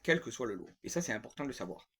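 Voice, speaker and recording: A man's voice: mid-range voice, very animated, rapid-fire, fairly bright tone, husky. A man delivering a rambling, grumpy and sarcastic comic monologue, repeating himself often.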